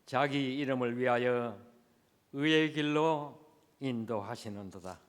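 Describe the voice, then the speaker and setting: A man leading a responsive scripture reading in a measured, formal way. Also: medium pitch, clean tone, long reverb tail. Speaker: worship leader.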